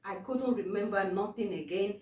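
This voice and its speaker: A woman from Africa telling a personal testimony, halting, with many fillers and repeated words. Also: medium pitch, darkish tone. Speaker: testimony vlogger. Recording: roomy, distant from the mic.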